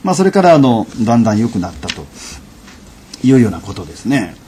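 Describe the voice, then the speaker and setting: A man giving a lecture and telling an anecdote in a measured, unhurried way, with frequent fillers. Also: medium pitch, very animated, dark tone, slight background noise. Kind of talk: storytelling lecture.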